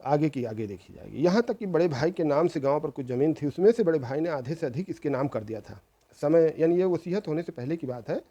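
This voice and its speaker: A middle-aged man who hosts his own channel earnestly recounts a true family story, his voice a little high, expressive and warm at a fairly quick pace. He takes a reproachful, moralizing line and repeats phrases to drive points home.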